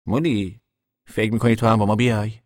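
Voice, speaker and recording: A man's voice: lowish voice, little pitch movement, no echo, clean studio sound, close to an everyday voice. An actor playing an earnest young male drifter in a radio drama, speaking in an insistent way. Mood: welcoming. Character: young male drifter, stubborn yet hopeful.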